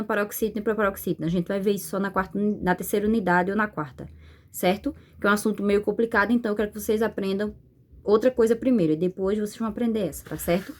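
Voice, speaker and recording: Brazilian woman teaching remotely, slow and patient, keeps checking the kids follow. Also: mid-range voice. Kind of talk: remote lesson.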